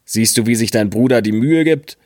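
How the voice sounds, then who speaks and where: A man's voice: medium pitch, moderate pace, a little mellow, no echo, studio quality, close to an everyday voice. A man voicing a worried, sighing father who scolds his son in a fairy-tale audiobook. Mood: stern, weary. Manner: stern, weary.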